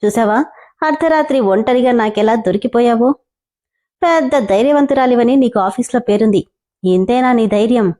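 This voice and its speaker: A woman's voice: on the high side, moderate pace, dark tone, natural voice. Siddharth, a woman doing a sneering young male boss. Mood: taunting. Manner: sarcastic, taunting.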